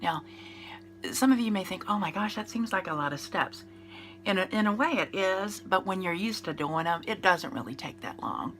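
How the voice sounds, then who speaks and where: Her voice is mid-range, animated and fairly bright, at a normal speed: a beauty vlogger in her fifties chatting casually through her makeup. A cold leaves her nasal and congested, and she rambles with fillers and restarts over slight background noise.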